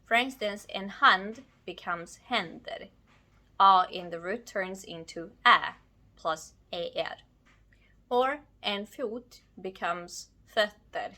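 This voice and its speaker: A woman giving a scripted language lesson, explaining slowly and carefully while ill and low on energy. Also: sharp tone. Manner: slow, careful explanation with words spelled out. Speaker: language teacher.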